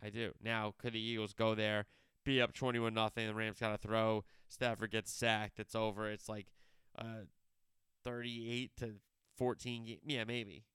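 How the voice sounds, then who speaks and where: Smooth, low-voiced rambling sports host. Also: male voice, flat delivery, a little slow, fairly bright tone, no echo, clean studio sound. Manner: rambling, goes off on tangents and corrects himself mid-thought. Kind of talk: solo sports preview commentary.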